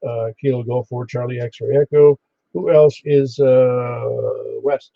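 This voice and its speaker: A man working as a ham radio net controller, halting and easygoing as he takes an informal roll call. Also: medium pitch, fairly even intonation, gravelly, no echo. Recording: dull band-limited ham radio audio.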